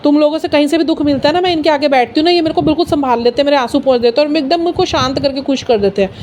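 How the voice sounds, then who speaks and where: A woman's voice: high-pitched, racing, darkish tone, slight background noise. A middle-aged woman giving an earnest, personal spiritual talk, mixing in English phrases. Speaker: satsang speaker.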